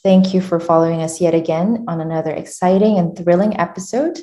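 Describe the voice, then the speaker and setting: A woman's voice: fairly low pitch, brisk. A woman hosting a podcast interview, introducing her guest formally and asking follow-up questions. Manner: warm formal hosting, frequent backchannel mm-hmms. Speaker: podcast host.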